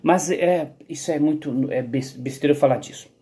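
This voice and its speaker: A man's voice: fairly high pitch, normal speed, warm tone. A man giving a rambling philosophical monologue about his own theory. He digresses, repeats words and keeps checking "entendeu?".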